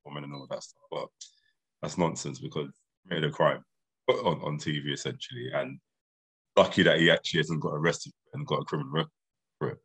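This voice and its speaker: A man's voice: very deep voice, fairly even intonation, a little fast, long pauses, a bit bright, slightly rough. A man with an urban London roadman accent, chatting casually in slang as a podcast co-host. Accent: London, urban street. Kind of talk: casual chat, street slang.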